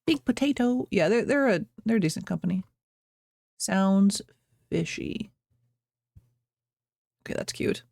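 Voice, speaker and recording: A woman's voice: medium pitch, animated, a little slow, creaky, long pauses, darkish tone, no echo, clean studio sound. A young adult woman streamer chatting casually at home, rambling, reading chat aloud and laughing often. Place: at home, birds outside.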